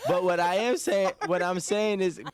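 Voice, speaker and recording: A man argues his case emphatically on a discussion panel, using casual street slang. His voice sits fairly high, and it is recorded close and dry. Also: fairly even intonation, moderate pace, clean tone, no room sound.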